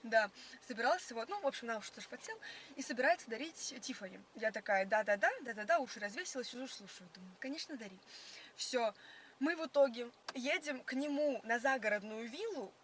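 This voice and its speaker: Bright-voiced young woman chatting in slang. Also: on the high side, lively intonation, brisk. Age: young adult. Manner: slangy, filler-heavy storytelling. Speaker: passenger being interviewed. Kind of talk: casual chat, storytelling. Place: inside a car. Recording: noisy in-car recording.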